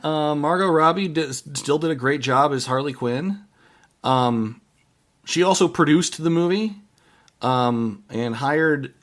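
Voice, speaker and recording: Slow, halting man reviewing movies. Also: mid-range voice. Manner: halting, with frequent restarts and trailing phrases. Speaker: podcast host.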